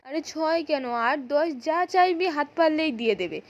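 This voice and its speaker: A woman's voice: sits high, animated, moderate pace, highs cut off, pitched above the performer's own voice. Woman retelling as a sneering abusive village husband. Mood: scornful. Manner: angry, sneering retold lines.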